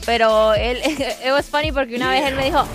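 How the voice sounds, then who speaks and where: A woman's voice: sits high, brisk, over music. A woman co-hosting a radio chat, switching between Spanish and English as she talks.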